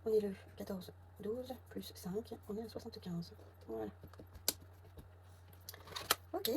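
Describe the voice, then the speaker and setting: A woman's voice: mid-range voice, sing-song, slow pace. Woman with a southern French accent. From south of France. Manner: thinks aloud, muttering sums and figures under her breath. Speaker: budget vlogger. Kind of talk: casual talk while counting budget envelopes. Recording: clear background noise with clicks.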